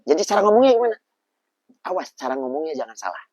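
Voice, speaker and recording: A man, a preacher guest telling lively, animated stories about raising children. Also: on the high side, fast talker, dry recording, muffled recording. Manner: animated storyteller. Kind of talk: casual religious talk.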